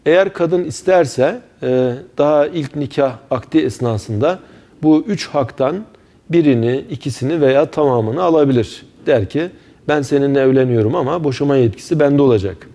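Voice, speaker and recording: A man teaching Quran commentary in a measured religious lecture, often pausing with hesitation fillers. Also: mid-range voice, dark tone.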